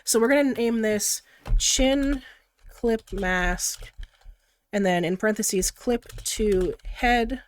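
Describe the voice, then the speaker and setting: A young woman, nose stuffed from the flu, speaks slowly in a slightly high voice while describing her digital art process on stream. Her manner is casual, chatty and giggly, and she often reads chat aloud.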